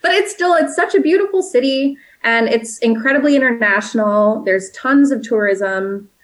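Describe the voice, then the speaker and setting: A woman's voice: on the high side, normal speed, low-quality recording. A woman in her late twenties, originally from South Africa, chatting casually and upbeat as an interview guest, with lots of fillers and easy laughs.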